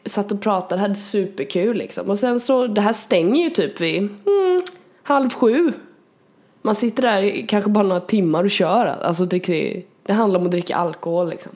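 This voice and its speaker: A woman co-hosting a podcast, chatting casually and telling an animated story with frequent laughter. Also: mid-range voice. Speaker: podcast co-host.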